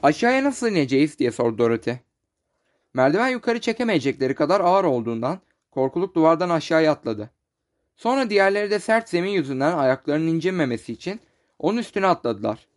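Guy narrating a kids book, kinda high pitched, steady storyteller. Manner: steady storytelling, slows for descriptions. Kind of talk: audiobook narration.

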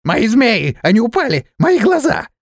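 A wailing, excitable sorcerer in a storybook reading , done by a male narrator. His voice jumps high and shrill when he cries out. The recording is dry and close. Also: normal speed, no room sound, exaggerated voice. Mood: panicked.

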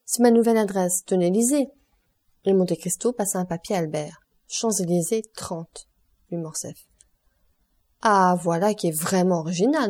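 A woman's voice: mid-range voice, dark tone. A woman reading a classic novel aloud as an audiobook, voicing every character with light changes of tone. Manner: reads all characters in a lightly varied voice. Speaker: audiobook reader. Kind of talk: scripted narration of a classic novel.

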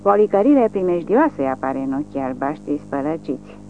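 A woman narrating an audiobook in steady, even storytelling. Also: sits low. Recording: tinny lo-fi with faint hum.

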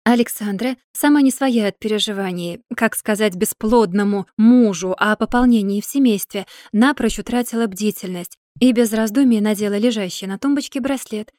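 A woman's voice: mid-range voice, moderate pace, few pauses, a little mellow, dry recording. Woman narrating a story, dry close sound. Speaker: audiobook narrator. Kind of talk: scripted narration.

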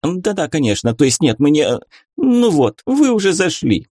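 A man's voice: a little high, very animated, normal speed, warm tone, dry recording, studio quality, voice pushed up. A man voicing a young nurse in an audiobook, talking in a honeyed, cooing, motherly way. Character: young nurse, sugary, worldly-wise confidante. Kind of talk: audiobook character reading.

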